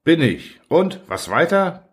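A man reading a hungover, self-pitying and somewhat pompous man stuck in bed, in a plaintive, higher voice. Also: very animated, takes it slowly, husky, full character voice. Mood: querulous.

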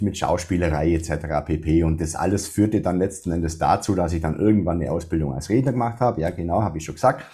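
A man from Swabia, Germany, speaks in a deep, mellow bass-baritone with a slight Swabian accent. Appearing as a funeral speaker in a casual interview, he talks in a measured way, with many restarts and fillers.

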